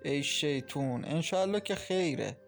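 A man reading an audiobook, voicing a calm, loving young mother who talks softly and teases her sister warmly. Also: on the high side, gravelly, soft background music. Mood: teasing. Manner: soft, reassuring, teasing. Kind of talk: audiobook character voice.

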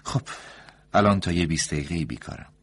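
A man voicing a nervous, fussy young doctor in a read-aloud story, his voice pushed high and loud in eager bursts. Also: breathy edge, full character voice. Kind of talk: audiobook story reading.

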